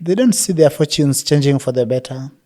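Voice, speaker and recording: A woman co-hosting a political podcast, speaking in measured, rhetorical, speech-like phrases. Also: very deep voice, dark tone. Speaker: podcast co-host.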